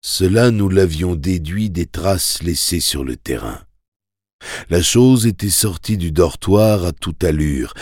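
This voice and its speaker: A man narrating a story in the first person in a measured, grave way, for an audiobook. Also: low voice, a little mellow, dry recording, studio quality.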